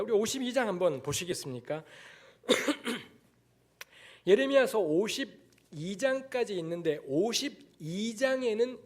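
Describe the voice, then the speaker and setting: A man from Daegu giving a lecture-style sermon as a guest preacher in a church, talking bluntly and candidly with frank asides. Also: sits high. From Daegu, South Korea. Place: church sanctuary.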